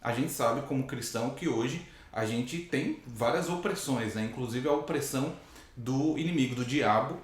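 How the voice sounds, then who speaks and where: A hoarse man teaching from the Bible to camera, explaining patiently and rephrasing his points with frequent "né?". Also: mid-range voice, normal speed. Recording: very echoey room.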